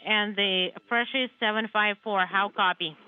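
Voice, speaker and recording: A man interpreting over a crackly space radio link, relaying instructions in brisk, clipped radio protocol. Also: sits high, steady tone. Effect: crackly narrow radio transmission, like a space communicator. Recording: tinny radio comms link.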